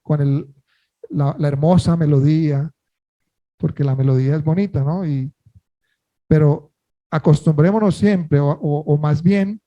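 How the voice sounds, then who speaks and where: A man preaching a sermon in an earnest way. He often asks the listeners a question and answers it himself, and he slows down on key words. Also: fairly high pitch, highs cut off.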